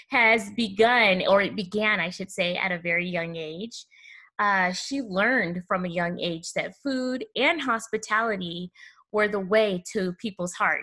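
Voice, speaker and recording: A woman's voice: medium pitch, pushed and bright. A woman from Oakland hosting a podcast over a video call, giving an effusive introduction with small self-corrections. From Oakland, California. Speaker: podcast host.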